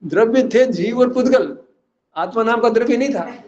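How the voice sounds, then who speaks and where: A man's voice: very high-pitched, normal speed, darkish tone, lo-fi sound. A man giving a religious philosophical discourse, teasing his listeners with rhetorical questions and chuckling at his own points. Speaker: religious teacher.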